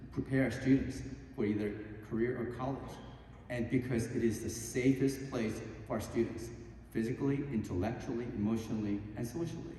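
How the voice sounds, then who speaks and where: A man answering at a candidate forum, earnest and halting with many ums and restarts. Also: medium pitch, mellow. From Korea. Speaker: school board candidate. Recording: echoey hall, distant mic, faint hum.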